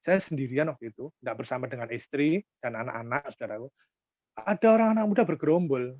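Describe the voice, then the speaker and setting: A man's voice: medium pitch, fast talker, no echo, muffled recording. A male pastor, preaching a sermon and acting out the people in his stories. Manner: lively storytelling, acting out the voices of people in his anecdote.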